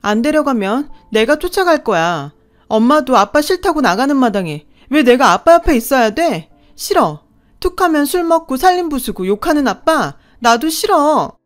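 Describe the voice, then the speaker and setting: A woman's voice: medium pitch, big pitch swings, unhurried, hardly any pauses, soft background music. A woman voicing a hurt young girl who pleads and cries out to her mother. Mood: hurt, pleading. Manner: pleading, crying out.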